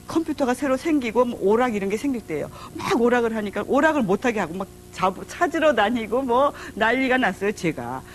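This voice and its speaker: A middle-aged woman giving a public lecture on marriage and parenting, telling stories with lively acted-out dialogue. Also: fairly high pitch, slight background noise. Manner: lively storytelling, acting out dialogue.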